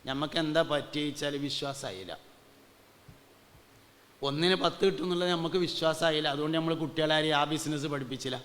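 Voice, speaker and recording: A male preacher, giving a storytelling sermon and now and then slowing into chanted devotional verses. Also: a little high, a bit bright, long reverb tail. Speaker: Islamic preacher.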